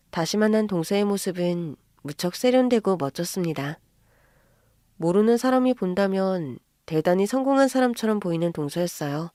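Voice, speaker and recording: A woman's voice: medium pitch, dark tone, no room sound, clean studio sound. A woman narrating a listener's submitted story in the first person, in a conversational storytelling manner.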